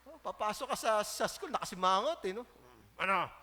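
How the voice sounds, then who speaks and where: A man with a Filipino accent preaching a sermon as pastor, animated and joking, acting out the voices he quotes. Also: high-pitched, a little fast. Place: church.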